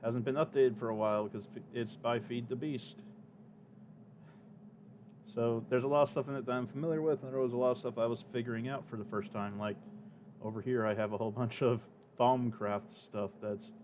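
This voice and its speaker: Streaming a game from home, a man gives casual commentary in a rambling, hesitant, self-deprecating way. His mid-range voice is a little mellow, with fairly even intonation and a fairly quick pace, over a slight hiss or hum.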